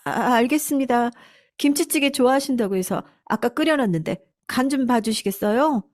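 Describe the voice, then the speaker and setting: A woman's voice: fairly high pitch, lively intonation, moderate pace, a little mellow, no echo, voice pushed up, lightly acted. A meek middle-aged housekeeper in a storybook drama, polite and deferential, voice lifted a little, as a woman puts her on. The sound is dry and close. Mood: apologetic.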